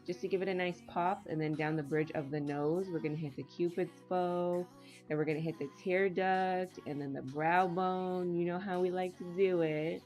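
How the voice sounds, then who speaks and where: A woman's voice: on the low side, normal speed, soft background music. A woman with a nasal, allergy-stuffed voice, chatting her way step by step through a makeup tutorial voice-over. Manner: chatty, relaxed step-by-step narration. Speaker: makeup vlogger.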